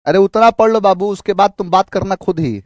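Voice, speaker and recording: A male teacher with an Indian accent explaining exam English questions in Hindi, reading answer options aloud slowly and carefully. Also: sits high, no echo, studio quality. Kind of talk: exam prep lesson.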